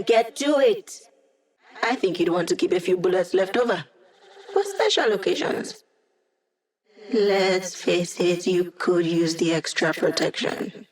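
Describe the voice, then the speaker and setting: Video game hacker sidekick, young female, played by a woman: cheeky, breezy, tech-savvy, quick to tease. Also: medium pitch, natural voice. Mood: playful, confident. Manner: playful, breezy, teasing, tech-savvy banter. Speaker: video game character giving mission support. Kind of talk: scripted video game voice lines.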